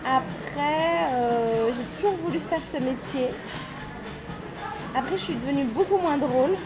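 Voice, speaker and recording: A Belgian woman in her thirties speaks in a high, soft voice, answering questions candidly with small hesitations. Loud music fills the background throughout. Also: measured pace, low-quality recording. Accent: Belgian French. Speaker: actress, interview guest. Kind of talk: casual radio interview.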